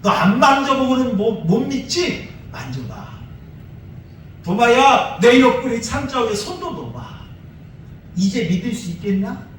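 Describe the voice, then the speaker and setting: A man voicing a gentle, patient Jesus, speaking softly and coaxingly in a sermon. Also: very high-pitched, big pitch swings, measured pace, distant mic, slight background noise, heavily acted. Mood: tender, coaxing. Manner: soft, coaxing, tender. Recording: echoey church hall from afar.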